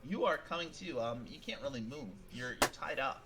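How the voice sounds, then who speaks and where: A man narrating a tabletop game as game master, halting and repeating words as he describes the scene. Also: on the high side, expressive, very noisy.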